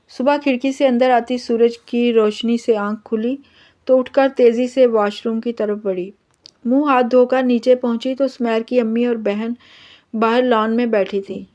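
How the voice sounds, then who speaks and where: A woman narrating a novel in a steady storytelling voice. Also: fairly high pitch, lo-fi sound.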